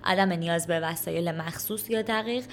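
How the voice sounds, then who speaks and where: A woman reading a children's story aloud as an audiobook narrator, calm and even. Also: fairly low pitch, slight background noise. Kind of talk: scripted narration.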